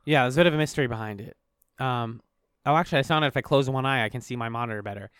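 Smooth-voiced man on a podcast. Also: medium pitch, rapid-fire, a bit bright, no room sound, studio quality. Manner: reads entries aloud, jokey and laughing. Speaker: podcast co-host. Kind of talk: casual podcast chat.

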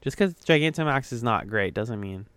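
A man's voice: mid-range voice, expressive, normal speed, a bit bright, smooth, no echo. A man co-hosting a podcast in casual chat, playful and full of fillers. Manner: chatty, playful, trails off with fillers. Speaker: podcast co-host.

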